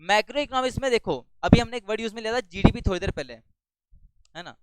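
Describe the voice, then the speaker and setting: A male teacher giving a classroom lecture. He talks loudly, asks the class questions and then answers them himself. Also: sits high, lively intonation, fairly quick, smooth, no echo, poor audio.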